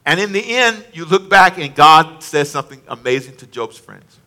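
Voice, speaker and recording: A man's voice: a little high, lively intonation, normal speed, pushed and bright. A man preaching a conversational sermon, stressing points by repeating phrases and addressing the congregation directly.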